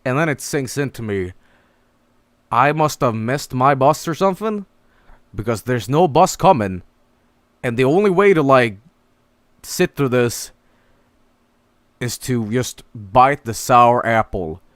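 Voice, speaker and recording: A man's voice: medium pitch, lively intonation, a little slow, long pauses, dry recording. A young man streamer telling a story casually to his viewers, exasperated and swearing, acting out his own panicked lines. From Sweden.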